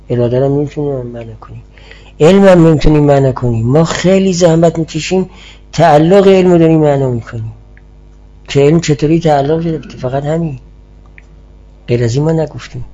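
A man's voice: on the high side, warm tone. A man teaching a class on philosophy and theology, explaining step by step and answering students' questions. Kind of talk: classroom lecture. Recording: muffled lo-fi class recording.

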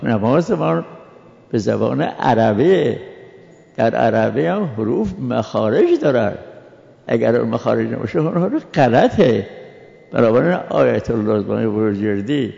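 Gravelly-voiced man lecturing. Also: mid-range voice, animated, warm tone. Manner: spells out Arabic letter sounds slowly, explanatory. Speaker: religious scholar teaching. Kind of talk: jurisprudence lecture. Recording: dull recording with long reverb.

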